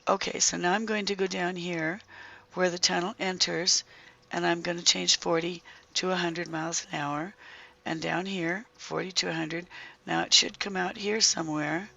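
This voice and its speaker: Hoarse, croaky gamer with heavily creaking voice. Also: mid-range voice, fairly even intonation, sharp tone, lo-fi sound. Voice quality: croaky, strained, breaking into whisper. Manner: halting, thinking aloud while working. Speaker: gaming video creator. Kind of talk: casual gameplay walkthrough commentary.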